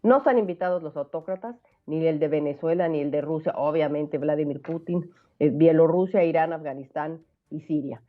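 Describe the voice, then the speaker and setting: A woman giving chatty, lively radio commentary. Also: low voice, moderate pace. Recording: tinny phone line.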